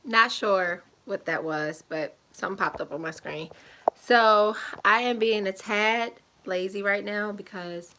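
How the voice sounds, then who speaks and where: A young woman talks to her viewers at home in a loose, rambling way, sounding tired and a little short of breath. She calls her audience y'all and laughs between sentences. Her voice carries a medium pitch, and the camera picks her up from a short distance. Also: a little slow, pushed and bright, a little hiss or hum. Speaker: vlogger. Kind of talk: casual pregnancy update vlog. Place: indoors at home, seated in a chair. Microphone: camera set at a distance.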